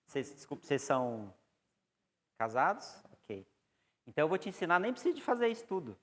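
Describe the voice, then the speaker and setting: A man's voice: fairly high pitch, very animated, a little fast. Man, Brazilian Portuguese accent, lecturer, asks the class questions, long reverb of a large room. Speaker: psychoanalysis lecturer.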